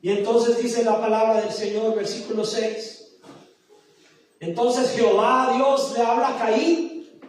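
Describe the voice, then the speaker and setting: High-voiced preaching pastor in echoey church. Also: male voice, steady tone, slow pace, far from the mic, a little hiss or hum. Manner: impassioned preaching with rhetorical questions, rising to shouts. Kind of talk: sermon. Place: church sanctuary.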